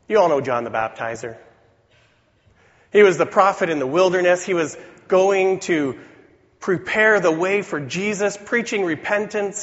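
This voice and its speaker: Male preacher, slightly high voice, weak from a cold, earnest deliberate sermon delivery, long hall reverb. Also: a bit bright. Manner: earnest, deliberate, with rhetorical questions. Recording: dull recording in reverberant hall.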